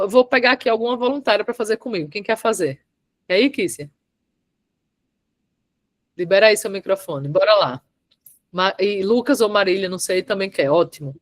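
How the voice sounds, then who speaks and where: A woman's voice: mid-range voice, no echo. A woman teaching a public speaking workshop over a video call, stretching out stressed syllables and often checking in with her listeners. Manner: emphatic, drawn-out stressed syllables, frequent "tá?" and "certo?" checks. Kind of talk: online workshop lesson.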